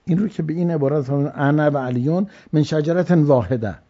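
A man's voice: fairly high pitch, dark tone, husky, dull audio. A man preaching a religious lecture, telling stories and repeating phrases for stress. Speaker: cleric.

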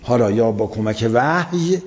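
A man's voice: mid-range voice, expressive, darkish tone, husky. Preacher man in an echoing hall. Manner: vivid retelling with emphatic repetition. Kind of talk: colloquial religious storytelling lecture. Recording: long hall reverb, dull lo-fi sound.

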